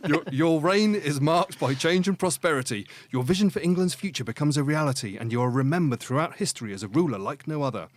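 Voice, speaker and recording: Lively game master narrating. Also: male voice, on the high side, fast, hardly any pauses, no room sound. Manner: theatrical narration, laughs often. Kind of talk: narrating a comedy tabletop game.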